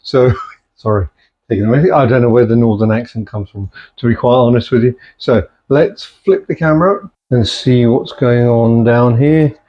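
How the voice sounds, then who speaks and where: A middle-aged man shows off home cooking in his kitchen, chatting casually at a moderate pace in a medium-pitched voice. He mixes in Punjabi-Urdu phrases, and the home recording sounds dull and lo-fi.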